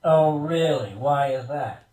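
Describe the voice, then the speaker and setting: A man's voice: on the high side, takes it slowly, warm tone, echoey room. An actor playing a smug, condescending male police superior in a video game, sarcastic and patronising. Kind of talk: video game character acting.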